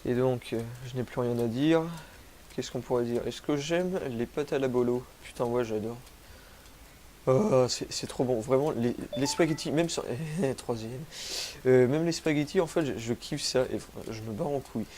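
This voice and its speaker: A young French gaming youtuber with a sniffly cold rambles through gameplay commentary from his rural home, mocking himself and using crude slang. His voice is medium-pitched, a little mellow, and at normal speed, with slight background noise.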